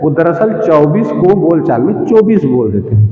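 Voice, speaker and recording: A man's voice: a little high, sing-song, moderate pace. A man from Chhattisgarh teaching a primary-school math class in with a tinge, explaining step by step and quizzing the class. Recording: dull, echoey classroom sound.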